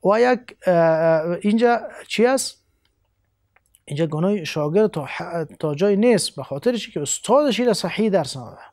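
A man with an Afghan Dari accent giving a televised Quran lesson, spelling letters out slowly and pausing often. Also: high-pitched, lively intonation, a little mellow, no room sound, studio quality. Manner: deliberate, spells out letters slowly, many hesitations. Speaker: Quran teacher.

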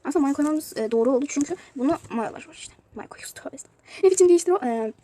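A woman's voice: high-pitched, animated, rapid-fire, warm tone. A woman giving casual commentary on a mobile game she is playing, chatty and prone to exasperated outbursts. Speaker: youtuber showing a mobile game.

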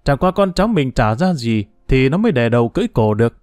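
A man narrator voicing a quick-tempered seventy-year-old village man who scolds his wife. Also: mid-range voice, sing-song, darkish tone, dry recording, clean studio sound, faint music behind, lightly acted. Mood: indignant. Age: 70s.

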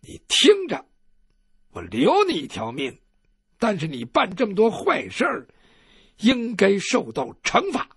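Storytelling role: brusque, hot-headed young swordswoman, voiced by a man, high and gravelly. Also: huge pitch swings, unhurried, long pauses, a bit bright, no echo, studio quality, heavily acted. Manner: blunt, brusque. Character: quick-tempered young heroine. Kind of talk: traditional Chinese storytelling.

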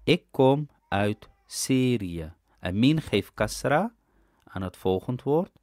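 Slow, animated man teaching Arabic grammar. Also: medium pitch, no echo, studio quality. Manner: explains step by step, asks "ja?" to check understanding. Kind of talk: recorded language lesson.

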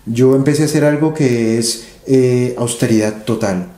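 Guy telling stories in an interview, keeps repeating himself to hit the point, mellow voice, roomy echo. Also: mid-range voice, normal speed. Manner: animated storyteller, repeats phrases for emphasis. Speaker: finance interview guest. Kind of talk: conversational interview storytelling.

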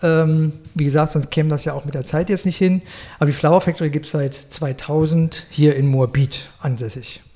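A middle-aged man chats as a podcast guest. His voice sits a little high for a man. He rambles, restarts sentences and corrects his own numbers in an easygoing, conversational way. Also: steady tone, normal speed, warm tone. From Berlin, Germany. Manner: rambling, self-correcting, chuckling asides. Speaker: guest florist. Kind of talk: casual interview chat.

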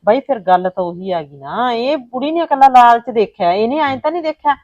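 An actress playing a gossipy, sharp-tongued rural woman, complaining about a relative. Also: on the high side, expressive, fairly quick, dry recording, lo-fi sound, close to an everyday voice. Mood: gossiping. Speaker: village woman, sister of the man. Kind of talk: rustic village drama acting.

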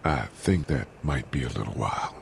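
Brief: a steady game survivor, very deep voice with gravelly fry, dips and rises a lot. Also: male voice, moderate pace, slight background noise, full character voice. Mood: calm. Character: grown man survivor, calm and protective.

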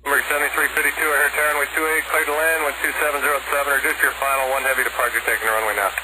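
Fast American tower controller over noisy radio. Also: male voice, mid-range voice, little pitch movement. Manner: businesslike, terse. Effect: aviation radio transmission. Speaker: air traffic controller. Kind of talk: clipped procedural radio instructions. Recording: noisy, static-laden air traffic radio.

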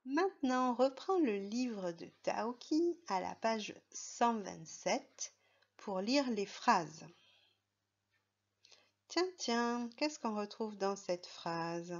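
In this lo-fi clip, a woman who teaches primary school leads a reading lesson for small children at an extremely slow pace. Her mid-range voice is animated as she carefully and patiently spells each word one letter at a time.

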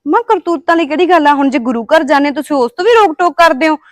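A young woman plays a kind, devout daughter-in-law who stands her ground with quick, earnest talk. Her voice is high and rapid. The sound is close and dry. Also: no room sound, close to an everyday voice. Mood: indignant. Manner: quick, earnest, talks back when pushed. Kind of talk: amateur short-film acting.

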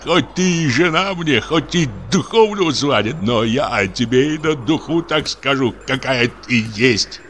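A man's voice: mid-range voice, lively intonation, a little slow, few pauses, fairly bright tone, a little hiss or hum, voice pushed up. Man doing a grumbling, ranting village deacon. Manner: grumbling, accusing, tearful muttering. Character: frightened superstitious village deacon, older man.

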